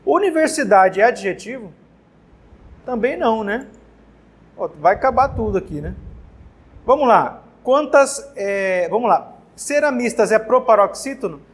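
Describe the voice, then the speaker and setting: High-voiced Brazilian man teaching grammar. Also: expressive, measured pace, slightly rough. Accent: Brazilian Portuguese. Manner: casual, repeats words and checks in with "tá?". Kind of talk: exam-prep grammar lesson. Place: classroom with whiteboard.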